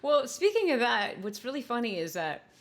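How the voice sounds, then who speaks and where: A woman's voice: on the high side, sing-song, moderate pace, slight background noise. A woman hosting a casual chat, giggling and laughing often as she talks. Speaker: host.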